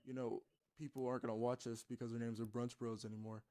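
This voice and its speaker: A man's voice: medium pitch, flat delivery, quick pace, mellow. A man, a gaming YouTuber, rambling through a casual story with loose swearing and plenty of fillers.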